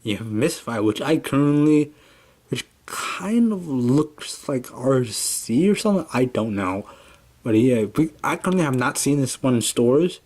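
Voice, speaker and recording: A man at a table at home walks through a toy review in an easy, unscripted way. His voice sits at a middle pitch. He rambles and often stops to correct himself mid-sentence. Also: expressive, a little slow, a little mellow. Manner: rambling, self-correcting, loose and chatty.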